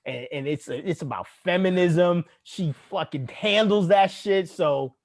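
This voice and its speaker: A man co-hosting a casual podcast chat, talking in animated, profane, laughing banter. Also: high voice, unhurried. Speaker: podcast co-host.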